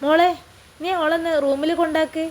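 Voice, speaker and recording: A woman voicing a caring mother gently urging her son to rest, in a read-aloud story. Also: extremely high pitch, level tone, normal speed. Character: caring middle-aged mother.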